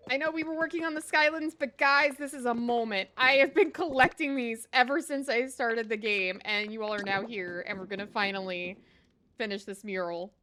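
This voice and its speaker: A woman in her thirties streaming a video game live, chatting to viewers in an excitable, exclamatory way. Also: on the high side, moderate pace, soft background music. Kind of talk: live gameplay stream chat.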